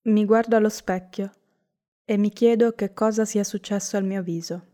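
A woman poet reading her own poem in a measured, reflective way. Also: medium pitch, fairly even intonation, dark tone. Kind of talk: poetry reading.

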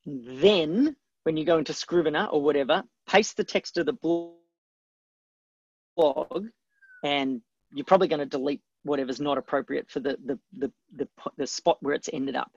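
A man's voice: a little high, normal speed, darkish tone, no echo. A man hosting a live webcast, teaching in an emphatic, conversational way and answering viewer questions. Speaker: webcast host and book coach. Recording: dry, slightly dull webcast audio.

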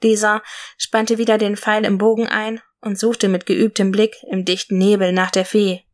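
Female storyteller, steady read-aloud fairy tale narration, mid-pitched voice. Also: moderate pace.

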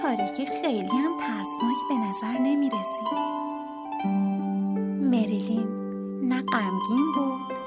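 A woman's voice: on the high side, pauses often, loud music behind the voice. Woman reading a children's story aloud. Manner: expressive, lively storytelling voice.

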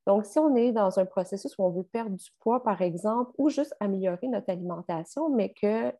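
A woman with a Québécois French accent and a mid-range voice speaks at normal speed as a guest on a podcast. She explains sleep science in a steady, explanatory way, with frequent fillers.

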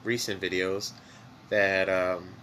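Here the same kind of speaker, a Spanish-native man with a Mexican accent, takes his time as he rambles loosely on a podcast while high, dropping plenty of fillers. Slight hiss or hum is present in the recording.

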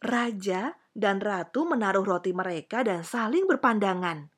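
A woman reading a children's storybook aloud in an expressive, sing-song way. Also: mid-range voice. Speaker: storybook reader. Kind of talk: scripted children's story narration.

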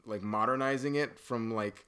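On a podcast microphone, a man who co-hosts and produces the show chats casually about a movie, teasing and rambling with lots of fillers. His mid-range voice is a bit bright, clear, and resonant, at a moderate pace.

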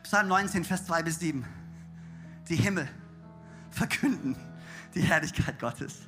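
A man preaching a sermon in a church, his voice worn from shouting, swinging between hushed whispers and loud cries and dropping in English words. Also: a little high, measured pace, faint music behind.

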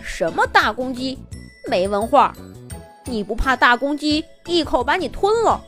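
A woman voicing a small, excitable fly who talks in urgent, bossy bursts in a children's story. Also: high voice, measured pace, soft background music. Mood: impatient.

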